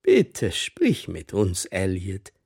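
A man reading an audiobook, voicing a kind, timid male headmaster who speaks softly. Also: a little high, wildly swooping pitch, measured pace, vocal fry, slightly rough, no room sound, clean studio sound, pitched above the performer's own voice, exaggerated voice. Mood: gentle. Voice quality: soft, friendly.

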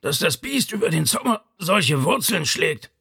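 A man's voice: on the high side, very animated, measured pace, vocal fry, sharp tone, slightly rough, voice pushed up, full character voice. A man voicing a stubborn, injured old father who grumbles in a strained, weak voice. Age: older.

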